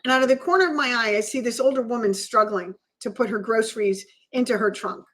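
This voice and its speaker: A woman who is a podcast guest, telling a personal story in an earnest, emotional way with halting restarts. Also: a little high, fairly bright tone.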